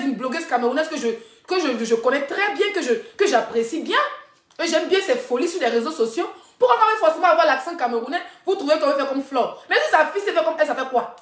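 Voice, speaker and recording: A young woman from the Ivory Coast, a social media blogger chatting on a live stream, teasing her viewers and repeating herself. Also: high-pitched. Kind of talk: casual live-stream chat. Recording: echoey room.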